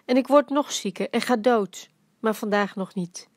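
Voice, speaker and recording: A woman's voice: on the high side, normal speed, no echo, close to an everyday voice. A woman reading the lines of a playful, teasing old grandfather who jokes in rhymes, in her own voice. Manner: dry joking, rhyming quips.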